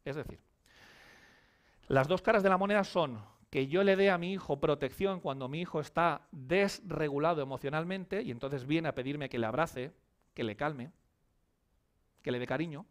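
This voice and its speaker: A man giving a conference lecture as a psychologist, emphatic, asking and answering his own questions. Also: fairly high pitch. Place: conference hall.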